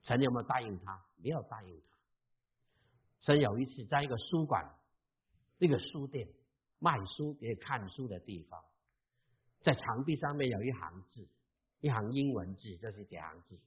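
A man preaching a sermon in an emphatic way, his delivery swinging between loud and soft. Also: mid-range voice, animated, moderate pace, long pauses, breathy edge. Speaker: pastor. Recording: tinny phone-like sound.

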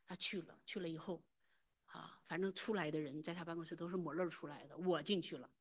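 Husky woman giving an earnest testimony. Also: deep voice, fairly even intonation, quick pace. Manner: earnest, emotional storytelling that drops to a near whisper. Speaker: church member giving a testimony. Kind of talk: personal faith testimony.

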